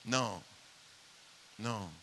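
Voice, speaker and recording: A man's voice: fairly low pitch, very slow, vocal fry, sharp tone, slight background noise. A man preaching a sermon as pastor, emphatic and repeatedly addressing the parents directly. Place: church meeting hall.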